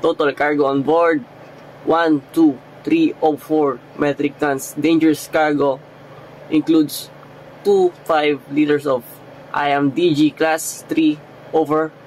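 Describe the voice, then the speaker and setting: A man speaking as a ship's officer in a formal marine radio exchange, deliberately spelling out numbers digit by digit. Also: on the high side, flat delivery, a little mellow, a little hiss or hum, low-quality recording.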